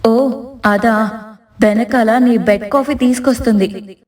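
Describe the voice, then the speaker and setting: Soft-spoken devout young wife, cartoon, gentle and pleading. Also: female voice, on the high side, slow pace, faint music behind. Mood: meek. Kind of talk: cartoon voice acting.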